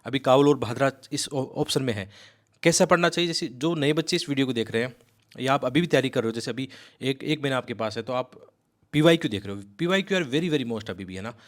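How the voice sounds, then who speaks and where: A man giving a rapid, emphatic exam-prep lecture, coaxing his students and mixing in English words. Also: mid-range voice. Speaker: civil service exam coaching teacher. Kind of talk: fast explanatory lecture.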